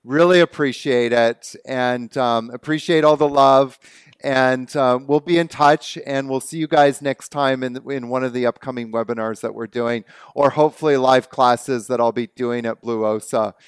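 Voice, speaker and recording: A man's voice: medium pitch, normal speed, clear, resonant tone, no echo. Canadian male webinar host, easygoing and chatty; clean, resonant voice with a dry close mic. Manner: relaxed, chatty, laughs easily. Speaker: webinar host and movement teacher. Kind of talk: casual online webinar talk. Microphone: video call.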